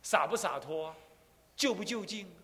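An older Buddhist abbot gives a dharma lecture in an animated storytelling manner. His voice sits high for a man and leaps about with lively pitch. A long hall reverb trails each phrase. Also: normal speed. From Taiwan. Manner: animated, acts out voices, rhetorical questions.

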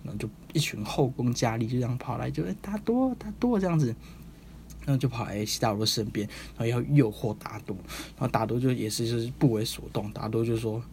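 A man's voice: medium pitch, fairly even intonation, fast, darkish tone, a little hiss or hum. A man hosting a podcast, telling a story in a casual, rambling, chatty way. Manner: rambling, chatty, many fillers. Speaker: podcast host.

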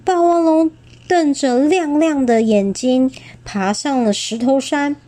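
A woman reading a picture book aloud, gentle and exclaiming, pausing to chat with her listener. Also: high-pitched. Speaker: storyteller.

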